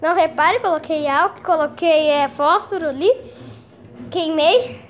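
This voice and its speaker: A woman, casually vlogging at home, excitable and swearing freely. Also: extremely high pitch, measured pace.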